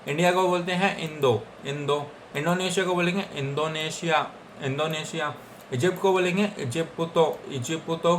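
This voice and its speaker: A young man from India runs through Japanese vocabulary in a casual Hindi lesson. His voice sits a little high, and he repeats every word several times with frequent check-ins. A faint background noise stays under his speech. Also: fairly bright tone. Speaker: Japanese language teacher.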